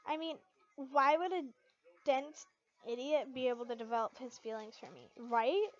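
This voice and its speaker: In a dull lo-fi recording made at home, a young woman reads her fan fiction aloud as an expressive first-person story and wraps up with a casual vlog outro for her followers. Her voice is high and her pace normal.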